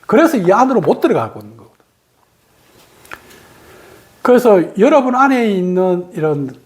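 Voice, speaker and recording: A woman from Korea's region, giving a meditation talk, asking rhetorical questions, answering them herself, and laughing between points. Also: fairly high pitch. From Gyeongsang region, Korea. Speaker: meditation teacher.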